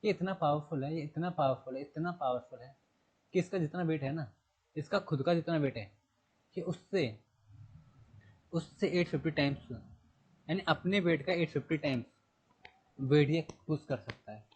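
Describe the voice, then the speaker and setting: A man teaching a recorded general knowledge class. His voice sits a little high and has a husky edge. He repeats each key term, asks the class questions and answers them himself, and spells words out slowly letter by letter. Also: a little mellow, rough recording.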